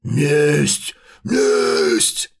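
A man voicing anguished, vengeful undead monsters in an audiobook, with drawn-out theatrical wailing. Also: mid-range voice, sing-song, darkish tone, full character voice. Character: anguished vengeful undead chimeras, betrayed soldiers of rotten flesh. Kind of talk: dramatic audiobook character voices.

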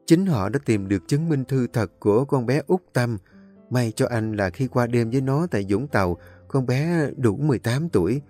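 A man reading the lines of a composed wife, calm and soft as she lays out hard facts. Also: medium pitch, faint music behind, natural voice. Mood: cool, explaining. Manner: calm, soft, measured explaining.

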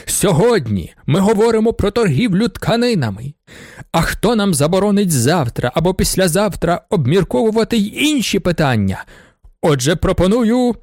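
A man's voice: high-pitched, sing-song, moderate pace, a little mellow, no echo, studio quality, voice pushed up. A man voicing a sentimental prince in an audiobook, making a grand, rousing speech to his guests. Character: overjoyed, sentimental older male prince, orator. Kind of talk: audiobook character voice.

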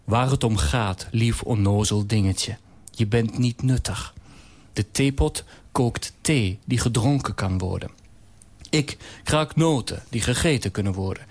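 A man's voice: lowish voice, a little slow, a little mellow. A pompous male nutcracker from a radio story, blunt and scornful, as a man puts him on. He lectures in a lifted, sneering voice.

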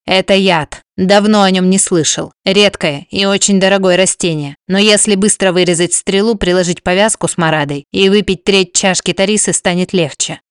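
A woman's voice: medium pitch, steady tone, normal speed, hardly any pauses, clean tone, dry recording, studio quality, lightly acted. A woman voicing a stern male chieftain who speaks in curt, clipped commands.

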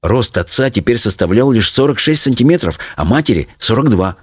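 Expressive man reading a storybook. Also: medium pitch, brisk, husky, no echo, studio quality. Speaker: narrator.

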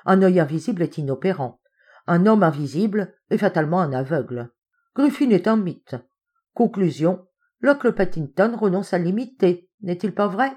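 A woman reading an excitable young man who argues his point with eager, insistent triumph. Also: high voice, normal speed, breathy edge. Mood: exalted. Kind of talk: audiobook character reading.

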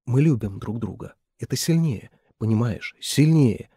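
A man voicing a guilty, earnest young man in love who pleads, with a husky voice. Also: mid-range voice, lively intonation, unhurried, mellow, dry recording, clean studio sound. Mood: pleading.

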